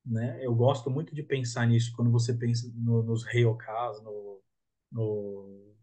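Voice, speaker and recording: Husky guy on a podcast, thinking out loud, lots of little tag questions. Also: mid-range voice, level tone, unhurried. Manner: reflective, tags thoughts with 'né?'. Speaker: guest. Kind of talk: casual podcast conversation.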